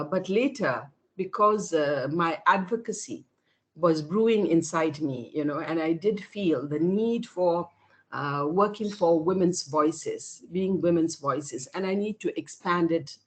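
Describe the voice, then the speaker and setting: A woman in her sixties from Nepal, answering interview questions over a video call in a thoughtful way, often pausing with fillers and restarting her sentences. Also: lowish voice. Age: 60s. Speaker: interview guest, women's rights activist.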